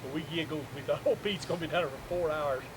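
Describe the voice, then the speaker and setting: A man's voice: a little high, fast talker, crowd noise, low-quality recording. Folksy man spinning a hunting yarn. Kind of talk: campfire storytelling. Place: outdoors at a gathering. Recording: loud outdoor noise. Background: outdoor noise.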